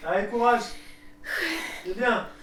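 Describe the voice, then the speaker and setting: A woman's voice: on the high side, takes it slowly, recorded from a distance, crowd noise. A woman acts as a workout partner, playfully egging people on with short repeated urgings and casual banter. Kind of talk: casual banter and shouted encouragement during exercise. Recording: echoey noisy room, away from mic.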